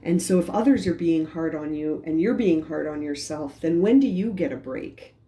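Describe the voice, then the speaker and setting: A woman giving a tarot reading for a star sign, talking gently with many restarts and repeated phrases. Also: sits low, moderate pace. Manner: gentle, repetitive, frequent restarts. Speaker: tarot reader.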